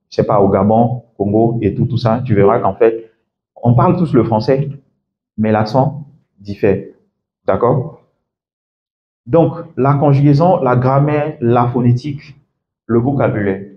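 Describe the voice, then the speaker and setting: A man's voice: medium pitch, lo-fi sound. A man working as an English coach gives a classroom lecture, explaining step by step and often checking in with "d'accord?".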